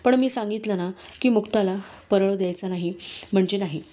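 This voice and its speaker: A woman's voice: medium pitch, a little fast, dark tone, close to an everyday voice. A woman reading aloud and voicing a stubborn, spiteful older village man who gives curt commands. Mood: stern.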